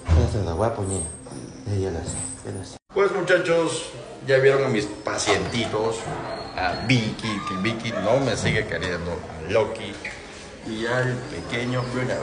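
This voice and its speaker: A man's voice: lowish voice, moderate pace, loud music behind the voice. A man, an animal rescuer, talks to his viewers and coos affectionately at dogs in a vlog. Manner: affectionate baby talk to animals. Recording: noisy background with dogs. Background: dogs, clicks.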